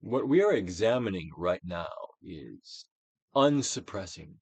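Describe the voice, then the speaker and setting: A deep, slightly rough, sing-song voice belongs to an actor theatrically narrating a self-help audiobook. Hushed near-whispers give way to emphatic projection, broken up by deliberate pauses, and there is no echo.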